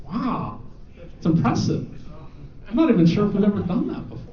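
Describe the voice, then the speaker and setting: A man's voice: high-pitched, huge pitch swings, brisk. A man presenting student game awards to a live audience, joking and teasing as he reads out the winners. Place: event hall with an audience. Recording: echoey, dull hall recording.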